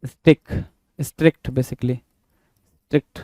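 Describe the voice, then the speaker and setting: A man's voice: mid-range voice, fairly even intonation, slow pace, mellow, no room sound. Man, Indian accent, vocabulary teacher, spells words out, dry close recording. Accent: Indian English. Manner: drills words, spells them letter by letter, asks and answers his own questions. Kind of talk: exam-prep vocabulary lesson.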